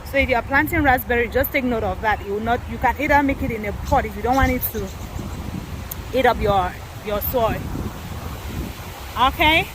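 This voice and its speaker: Woman from Cameroon, gardening vlogger, high-ish voice, chatty tour, wind and traffic noise outside. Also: moderate pace, long pauses. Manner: chatty, addresses viewers as guys. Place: outdoor garden, windy.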